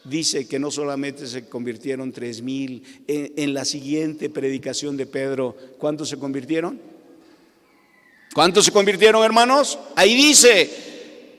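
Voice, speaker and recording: Male pastor, high pitch, sermon that drops to soft pleas then rises to loud calls, hall reverb. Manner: swings between hushed pleading and loud preaching.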